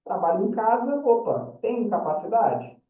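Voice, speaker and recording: A man's voice: high voice, big pitch swings, moderate pace, dark tone. Brief: male lawyer-lecturer, conversational, distant dull-sounding recording. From Brazil. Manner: chatty, keeps checking in with the audience. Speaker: lawyer teaching a short course. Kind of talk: informal lecture. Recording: dull, roomy, distant mic.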